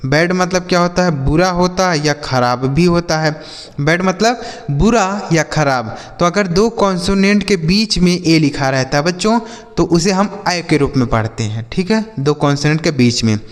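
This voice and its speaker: With a fairly high-pitched voice and a big-room sound, a man teaches children to read on YouTube. As their English teacher, he patiently asks questions and answers them on his own.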